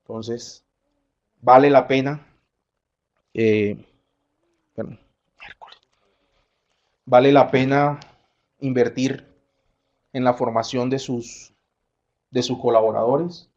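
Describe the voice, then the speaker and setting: Brief: middle-aged man, Colombian coastal accent, chatty conference speaker, mid pitch, slightly dull recording. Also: steady tone, takes it slowly, long pauses, a little mellow. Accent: Colombian coastal Spanish. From Colombian Caribbean coast. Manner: conversational, with frequent fillers and self-corrections. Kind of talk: conference talk.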